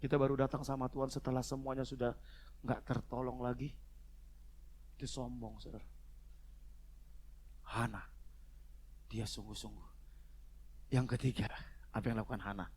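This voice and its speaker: A man preaching a sermon to his congregation, moving between quiet, low asides and loud, fervent shouting. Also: level tone, normal speed, pauses often, slight background noise. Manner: addresses the congregation as "saudara". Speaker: pastor. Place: church service.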